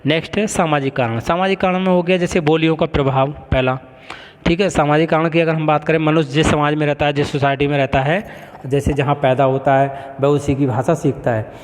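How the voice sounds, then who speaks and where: A man teaching a college class, explaining step by step and often pausing to check the class is following. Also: fairly high pitch, steady tone. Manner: explains with frequent checks of "ठीक है". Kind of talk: classroom lecture. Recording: long hall reverb.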